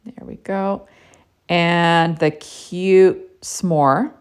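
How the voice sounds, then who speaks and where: A woman's voice: fairly low pitch, steady tone, very slow, clear, resonant tone. A woman narrating a casual card-making tutorial in a chatty way, with lots of "you know" and "right?".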